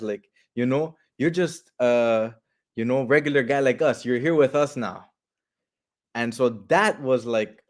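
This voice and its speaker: A young man in his twenties from Canada, a football player talking candidly in an interview and repeating phrases for emphasis. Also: medium pitch. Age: 20s. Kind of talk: casual interview talk.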